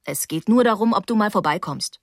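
A woman's voice: medium pitch, expressive, a little fast, no room sound. Female reader voicing a cocksure teen boy, teasing big-brother tone, dry studio sound. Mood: offhand teasing. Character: tall teenage boy, cocky big-brother type.

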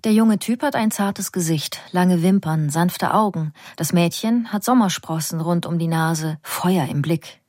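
A woman reading a novel aloud in the first person, lifting her pitch for the characters' quotes. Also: unhurried, hardly any pauses, a little mellow, no room sound, studio quality. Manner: reads character quotes with slightly raised pitch. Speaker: audiobook narrator. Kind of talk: literary narration in first person.

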